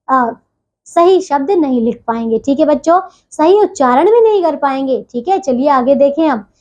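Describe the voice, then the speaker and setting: A woman with a high voice teaches a grammar lesson to young children. She works through the words slowly and carefully, one at a time. She keeps checking that the class is still following. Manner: slow, careful word-by-word dictation.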